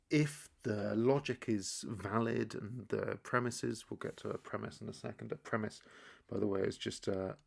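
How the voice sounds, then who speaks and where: A man with a low, gravelly voice gives an easygoing explainer lesson. He thinks aloud, doubles back on his words and keeps a loose, teacherly flow as he sketches along. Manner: relaxed, thinking aloud, frequent restarts. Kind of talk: explainer lesson while drawing.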